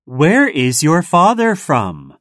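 Woman with a low voice reading test questions, lots of rise and fall, slow, dry close mic. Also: wildly swooping pitch, a bit bright, no echo. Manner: slow, carefully enunciated questions for learners. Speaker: listening test reader. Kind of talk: scripted textbook dialogue reading.

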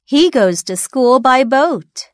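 A woman reading textbook dialogue answers for a listening test, slowly and carefully enunciated for learners. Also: high voice, lively intonation, dry recording, clean studio sound.

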